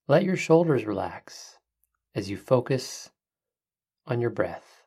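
A calm meditation podcast host with a medium-pitched voice, guiding the listener in short, soothing phrases. The delivery is very unhurried, with long pauses between instructions. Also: gravelly, husky. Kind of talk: guided meditation narration for a podcast.

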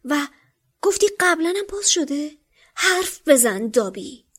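A woman's voice: high voice, very animated, a bit bright, voice pushed up. A woman voicing an earnest, stubborn boy wizard who questions urgently, close to her own voice. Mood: insistent. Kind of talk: audiobook character voice.

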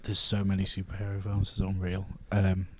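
A man's voice: deep voice, completely flat delivery, fairly quick, darkish tone, a little hiss or hum. A middle-aged British man co-hosting a podcast, chatting casually about films in a blunt, sweary way. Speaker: podcast co-host. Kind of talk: casual film review chat.

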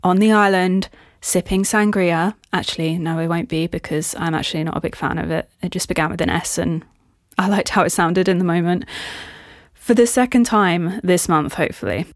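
A young woman talks on her own in a casual, rambling way and pokes fun at herself. Her voice sits fairly low for a woman. The sound is close and dry, with no room echo. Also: moderate pace. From Britain. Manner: chatty, rambling, self-mocking. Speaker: podcast host. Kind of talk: casual solo chat.

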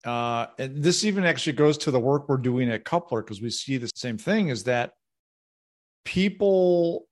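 A man with a medium-pitched voice co-hosts a podcast. He talks through his points in a conversational, discussion style. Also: expressive, moderate pace. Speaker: podcast co-host.

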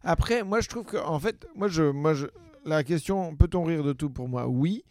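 A man's voice: on the high side, moderate pace, darkish tone. A man as a comedian guest in casual podcast conversation, speaking hesitantly with many self-corrections.

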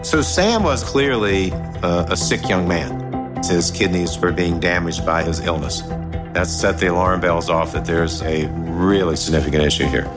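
A man, a doctor, explaining a case calmly in an interview. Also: deep voice, normal speed, over loud music. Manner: calm, explanatory.

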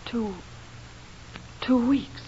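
An actress playing an anxious young wife in a 1940s radio drama, sharp and indignant. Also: female voice, fairly high pitch, drawn-out words. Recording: dull old radio broadcast, faint hiss.

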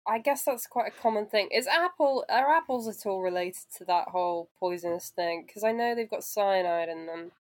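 A woman's voice: mid-range voice, moderate pace, few pauses. Curious, playful woman asking questions. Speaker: podcast co-host asking questions. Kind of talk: casual podcast chat.

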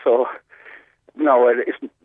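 A man speaks over a narrow, dry telephone line in a North Cork Irish accent tinged with an American twang. His talk is casual and halting, doubling back on words, at a middling pitch. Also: level tone, husky, no room sound. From North Cork, Ireland. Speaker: radio phone-in guest, pub owner. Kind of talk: casual chat. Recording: narrow-band radio phone line.

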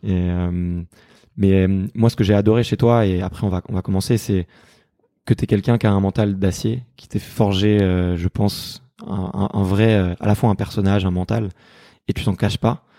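A man's voice: low voice, fairly even intonation, moderate pace, mellow. A man hosting a podcast interview in a guest's living room, who asks circling, hesitant questions. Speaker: podcast host.

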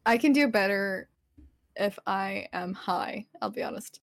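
A woman talks casually into a dry, close desk mic at home, her voice sitting at an ordinary middle pitch. She giggles easily and keeps trailing off and starting over. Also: unhurried, creaky, no echo. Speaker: streamer guest. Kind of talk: casual live-stream chat. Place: home streaming desk with cats around.

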